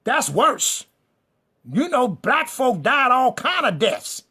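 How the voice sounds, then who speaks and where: A man's voice: extremely high pitch, big pitch swings, slow pace, pushed and bright, husky. A man preaching a fiery sermon-style lecture. He is emphatic and repetitive, speaks straight to his listeners, and builds lists and refrains for rhythm. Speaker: preacher and teacher.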